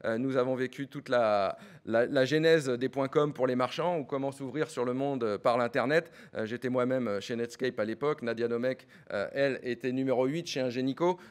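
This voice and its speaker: Pitching his startup, a middle-aged executive talks fast, repeating words and leaning heavily on fillers.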